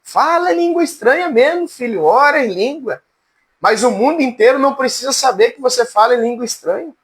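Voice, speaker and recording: A man with a strikingly high, cracked voice leads a relaxed church class. He jokes along in a folksy way and keeps calling on students by name. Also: quick pace. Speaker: Bible teacher. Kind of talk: informal church class lecture.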